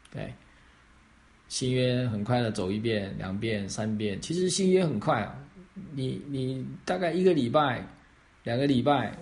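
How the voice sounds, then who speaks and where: A man's voice: mid-range voice, darkish tone. Male pastor fielding questions; explanatory, checks understanding, mid-range voice. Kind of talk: answering questions on faith.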